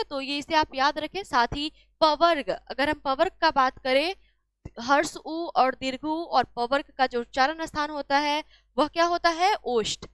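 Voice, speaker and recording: Female teacher, high voice, dry close sound, walks students through exam answers with question-and-answer drilling. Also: a bit bright, no echo. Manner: asks a question then answers it herself. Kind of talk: exam-solution lesson.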